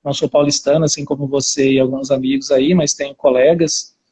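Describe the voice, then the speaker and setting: With a medium-pitched, slightly rough voice, a dark tone and a flat, fairly quick delivery, a talkative man of about forty casually recounts his own story. He is an academic researcher from interior São Paulo, speaking Brazilian Portuguese with that region's accent, interviewed on a live video call.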